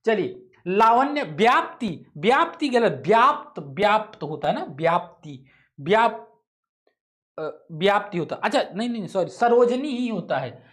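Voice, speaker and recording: A man's voice: sits high, big pitch swings, unhurried, a bit bright. A male teacher leading an online test-solving class, repeating each question, thinking aloud, correcting himself and tossing casual asides to students. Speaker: exam-prep teacher.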